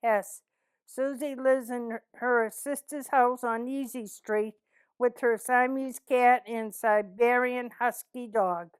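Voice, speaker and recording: With a smooth, steady voice on the high side, a plainspoken interviewee in her seventies talks slowly, keeping her answers short and blunt. She comes from East Boston, Massachusetts, USA, has a Boston accent, and alternates between reading test sentences and replying to interview questions. No room sound is audible.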